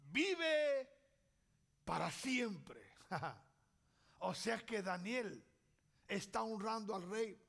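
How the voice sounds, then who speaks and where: A man preaching a sermon in a slow, deliberate way, pausing often and asking rhetorical questions. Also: sits high.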